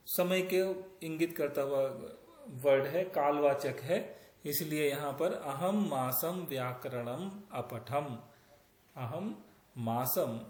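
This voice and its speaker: A man teaches Sanskrit grammar in a slow, patient way, building up each example step by step. His voice sits a little high for a man. The recording is roomy, with a clear echo around him. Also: a little mellow. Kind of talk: grammar lesson, explaining in Hindi.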